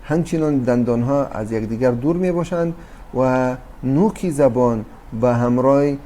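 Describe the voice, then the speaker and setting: A man's voice: mid-range voice, dark tone, a little hiss or hum. A man teaching a recorded Quran recitation lesson, explaining patiently with fillers and restarts. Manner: addresses listeners as dear brothers and sisters.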